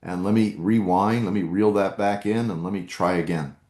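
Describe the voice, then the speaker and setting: Man, deep low voice, earnest coaching host, echoey room. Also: normal speed, a little mellow. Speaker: meditation workshop host. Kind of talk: live-streamed workshop talk, reading chat comments.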